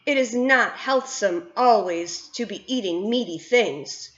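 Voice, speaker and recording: A woman's voice: mid-range voice, a little slow, fairly bright tone, lightly acted. A woman reading aloud and voicing a kind, nervous male giant who talks with jumbled grammar and earnest pleading. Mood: eager. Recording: roomy, dull lo-fi sound.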